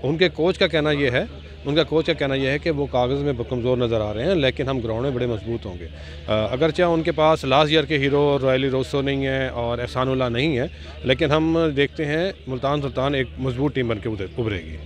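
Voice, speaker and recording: An older man speaking in a deliberate, reflective way into a handheld mic at an outdoor stadium. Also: mid-range voice. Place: outdoor cricket stadium at night.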